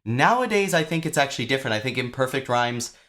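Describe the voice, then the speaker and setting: A young adult man explaining songwriting to viewers in a chatty, lively way, with casual asides. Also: medium pitch, fast. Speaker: songwriting teacher.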